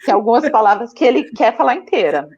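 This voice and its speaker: Her voice sits on the high side and moves quickly, though the top frequencies are cut off. A young mother from Brazil with a Brazilian Portuguese accent, she chats casually for an interview, telling lively stories and laughing a lot.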